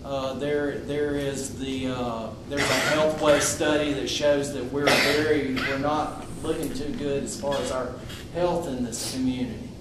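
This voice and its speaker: Recorded from a distance in an echoey, noisy public meeting room, an invited male speaker talks loudly and outspokenly, restarting often. He speaks impromptu at a measured pace with few pauses, his medium-pitched voice fairly even in intonation.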